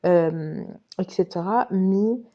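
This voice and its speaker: A woman's voice: medium pitch, takes it slowly, mellow, dull audio. A woman casually telling a personal story to her viewers, chatty and direct. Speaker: vlogger recounting her past.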